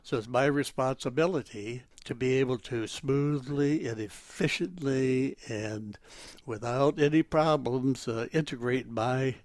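Elderly veteran reminiscing, halting and rambling. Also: male voice, medium pitch, a little mellow, no echo. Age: 80s or older. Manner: halting, rambling delivery with repeated words and self-corrections. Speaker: interviewed military veteran. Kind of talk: reminiscing oral history interview.

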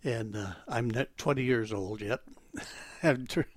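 An old man speaks as a veteran remembering his service in an oral history interview. His delivery is halting and wandering, feeling for details as he goes, with a medium-pitched voice and a dry, close sound. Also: no echo. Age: elderly, 80s or older. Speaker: interviewee, retired military officer and war veteran.

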